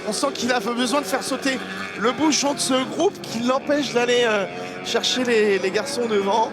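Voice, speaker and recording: A man's voice: very high voice, steady tone, normal speed, over music. A man giving live motorsport race commentary, calling the action as a commentator does. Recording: loud engine and trackside noise.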